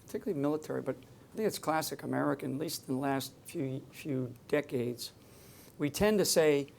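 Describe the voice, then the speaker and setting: On stage before a live audience, a man talks about security without a script, rambling with emphasis and frequently starting sentences over. His voice is a little high, brisk and darkish, with vocal fry and a faint hiss or hum in the recording.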